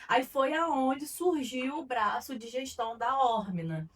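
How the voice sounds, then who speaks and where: A Carioca woman with a high voice tells her story on an interview podcast. She speaks earnestly, pausing on fillers as she goes. Her voice sits a little away from the mic. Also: recorded from a distance. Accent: Carioca Brazilian Portuguese. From Rio de Janeiro, Brazil. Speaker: guest, marketing consultant.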